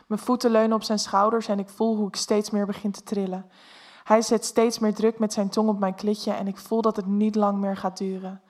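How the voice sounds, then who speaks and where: A woman reading an erotic story aloud in a soft, intimate first-person narration. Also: medium pitch.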